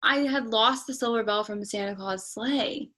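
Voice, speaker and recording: This storytime reader has a slightly high voice and a moderate pace. She reads a picture book expressively to small children, addressing them directly and slipping friendly asides in between the lines.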